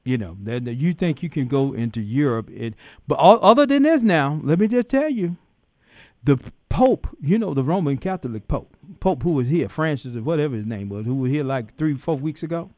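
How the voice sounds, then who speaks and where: A man's voice: a little high, sing-song, fairly quick, warm tone, no echo. A man hosting a call-in radio talk show, folksy and preacherly, voice rising and dropping in emphatic bursts. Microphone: studio microphone.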